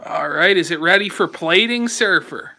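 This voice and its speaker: A man sits beside the host and reads the viewers' comments aloud, adding dry jokes. His voice is high, bright and tense, and it cuts through clearly. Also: normal speed. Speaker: co-host reading chat. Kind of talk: casual chat.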